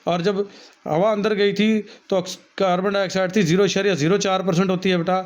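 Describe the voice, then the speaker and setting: Reading a textbook passage before explaining every point in his own words, a male teacher with a Pakistani Urdu accent talks fairly quickly in a high, steady voice. He warmly calls his students "beta," and the audio is dull and lo-fi.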